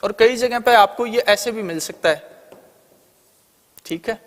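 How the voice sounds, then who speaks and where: A man's voice: high-pitched, unhurried, fairly bright tone, in a large hall. A man with an Indian accent teaching an online exam-prep lesson, explaining step by step and posing questions he then answers himself. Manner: explains step by step, often asking and answering his own questions.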